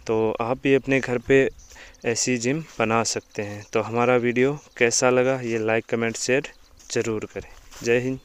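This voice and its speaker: A man's voice: medium pitch, level tone, a little slow, clear, resonant tone. A young man, hosting a casual gym tour vlog at an outdoor village gym and often asking viewers to like and subscribe. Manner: chatty, repeats calls to like and subscribe. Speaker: gym owner and vlog host.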